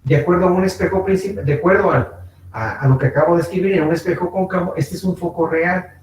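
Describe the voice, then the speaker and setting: A man with a Mexican Spanish accent teaches a physics lesson in a slightly high voice, pausing to check that his students follow. He sounds far from the mic in an echoey room, with faint noise behind him. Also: steady tone. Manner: slow, repetitive explaining with frequent fillers and check-ins. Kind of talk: online class lecture.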